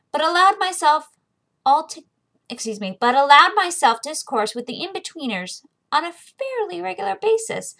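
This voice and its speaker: Slightly high and bright, this American woman's voice has a forceful edge. She hosts a series of book reading videos, talking in an informal, conversational way as a casual vlog that leads into reading a novel aloud.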